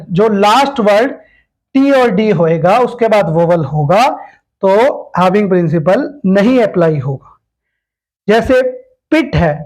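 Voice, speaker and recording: A man's voice: high voice, darkish tone, rough recording. A man teaching a step-by-step shorthand lesson, patiently repeating each rule with examples.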